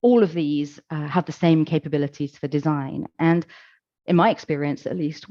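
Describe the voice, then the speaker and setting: A woman giving a conference presentation, explaining in a measured, calm way with occasional fillers. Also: low-pitched, no echo, muffled recording. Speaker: conference speaker. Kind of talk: presentation talk.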